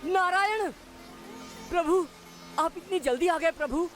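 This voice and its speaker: A man's voice: extremely high pitch, a bit bright, faint music behind, full character voice. A man dubbing a comic young man who chants and pleads with a holy man, in a Hindi film dub. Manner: comic, fast-talking and eager. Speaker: young man trying to meditate.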